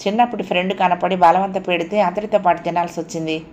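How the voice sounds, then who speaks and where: A woman's voice: on the low side, fairly even intonation, fast talker, darkish tone, a little hiss or hum, natural voice. A woman voicing a tired middle-aged husband who gives plain, brief replies in a storybook reading.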